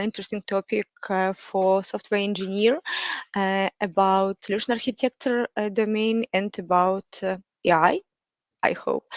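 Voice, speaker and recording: Ukrainian woman hosting online webinar, lots of uhs, halting english, dry close mic. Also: medium pitch, dry recording. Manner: halting, many fillers, non-native phrasing. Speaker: webinar host, marketing manager. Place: home office.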